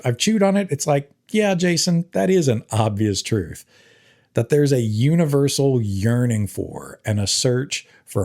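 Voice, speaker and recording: An earnest male English teacher from Tennessee talks through a summer reading assignment on his podcast. His voice sits at a middling pitch for a man and leaps up and down for emphasis as he goes. It is reflective, spoken teaching rather than a read script. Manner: earnest, animated, with big swings in pitch for emphasis. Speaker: high school English teacher.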